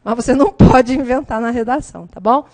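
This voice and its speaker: Middle-aged Brazilian woman teacher, high voice, chatty lecture delivery, dry booth sound. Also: brisk, no room sound. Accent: Brazilian Portuguese. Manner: lively, chatty, often checks with "né?" and "tá?". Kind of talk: exam-prep lecture.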